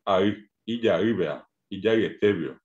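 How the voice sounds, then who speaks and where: A man's voice: sits low, a little mellow, muffled recording. A man with a Paraguayan Spanish accent teaching a Guarani class over a video call, patiently sounding out syllables one by one. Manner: patient, spells out syllables slowly. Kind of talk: online language lesson.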